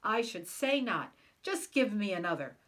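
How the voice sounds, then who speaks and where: A woman's voice: medium pitch, sing-song, normal speed, a bit bright. A woman voicing a boastful, greedy bully giant as she reads a storybook aloud, blustering and hollering.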